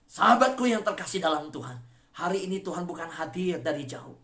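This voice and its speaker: A woman pastor preaching a sermon dramatically, swinging between loud, emphatic peaks and hushed, quiet passages. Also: fairly low pitch, expressive, brisk. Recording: echoey room.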